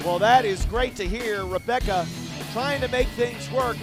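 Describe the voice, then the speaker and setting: A man's voice: very high voice, unhurried, music in the background. A man calling pro wrestling as a lucha libre play-by-play announcer, with emphatic, dramatic delivery.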